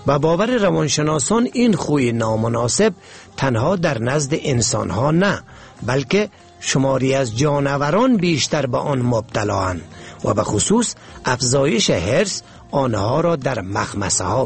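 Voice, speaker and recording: A man tells a scripted moral fable in a measured, moralizing way. His pitch rises and falls in a lively, expressive manner. Soft music plays faintly behind him. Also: gravelly, breathy edge. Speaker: storyteller. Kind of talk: scripted storytelling narration.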